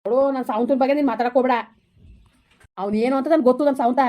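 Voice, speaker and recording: A woman's voice: high voice, fairly even intonation, natural voice. A woman playing an angry old village man who scolds and threatens his wife in a comedy skit. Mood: angry scolding. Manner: harsh shouting threats, rapid scolding.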